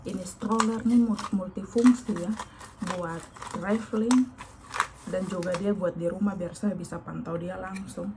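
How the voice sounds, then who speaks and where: A woman's voice: medium pitch, fairly even intonation, a little slow, background noise. A woman, vlogging casually at home and cooing to her baby between remarks to viewers. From Indonesia. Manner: chatty, coos softly to her baby, sometimes drops to a hush.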